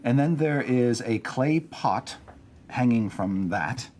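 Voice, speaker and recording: A man in a tabletop game describing a creature slowly, with halting fillers. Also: medium pitch, expressive, darkish tone, a little hiss or hum. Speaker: player and narrator.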